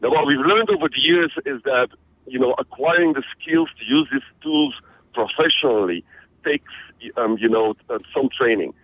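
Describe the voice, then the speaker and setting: A medium-pitched man from Belgium talks at a normal pace as a radio interview guest who organizes conferences. He comes across energetic, often repeating words as a sentence begins, and the audio is tinny like a phone line.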